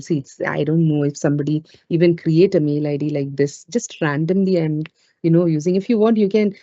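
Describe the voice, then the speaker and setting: Female webinar trainer, Indian accent, mellow conversational delivery, roomy lo-fi call audio. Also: fairly low pitch. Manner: conversational, with frequent "you know" asides. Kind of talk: informal live webinar talk with audience questions. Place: indoors on an online webinar call.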